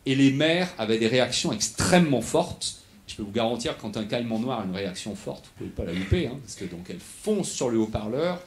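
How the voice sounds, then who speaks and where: Man lecturing with a lively pitch. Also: a little fast. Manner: explanatory, frequent fillers and restarts, checks in with the audience. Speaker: researcher giving a lecture on animal acoustics. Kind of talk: lecture to an audience.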